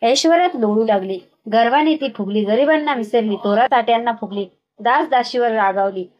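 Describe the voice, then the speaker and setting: A woman's voice: fairly high pitch, fairly quick, highs cut off. Woman narrating a devotional tale. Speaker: storyteller.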